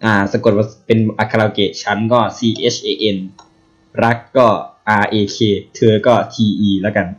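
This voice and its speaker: Guy with a bit of a low voice explaining stuff in a relaxed chat, sounds out words bit by bit. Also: highs cut off. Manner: playful, sounds out syllables slowly.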